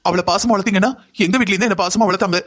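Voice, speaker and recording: A woman's voice: medium pitch, fairly even intonation, rapid-fire, fairly bright tone, lightly acted. A voice actor playing a pregnant young woman in a cartoon, indignant and complaining. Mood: aggrieved. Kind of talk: cartoon voice acting.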